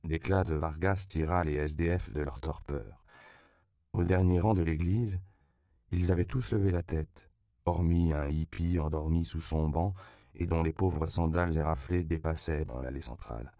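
A man narrating an audiobook in a deep, gravelly voice. His tone is smooth and resonant, and the recording is close and dry. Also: fairly even intonation, normal speed, warm tone, no room sound. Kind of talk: scripted narration.

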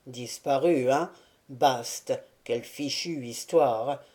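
A woman reading the part of a surly, brooding old male buccaneer gunner, voiced lower and grumbling. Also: unhurried, warm tone. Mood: gruff.

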